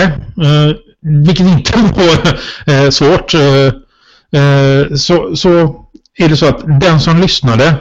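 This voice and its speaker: A man co-hosting a casual podcast, rambling with many fillers and a mock-ranting edge. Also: a little high. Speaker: podcast co-host. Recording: dull lo-fi podcast audio.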